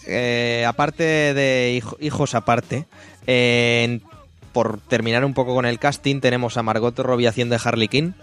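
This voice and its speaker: A man with a Spain Spanish accent, hosting a casual film review chat, blunt and quick to swear. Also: mid-range voice, steady tone, fairly bright tone, faint music behind. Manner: blunt, swears freely, rants.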